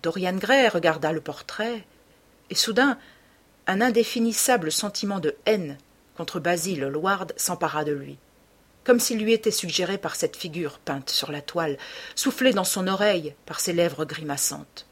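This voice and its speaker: A woman narrates a classic novel for an audiobook with measured, dramatic pacing. Her voice is lowish and slightly husky, with a breathy texture. She keeps a steady storytelling tone throughout.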